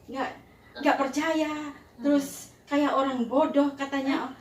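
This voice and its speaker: A woman from Madura, telling stories in a lively way, laughing often and repeating herself. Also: high-pitched, slow pace. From Madura, Indonesia. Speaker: interviewee. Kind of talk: casual storytelling. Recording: echoey room from far off, faint noise.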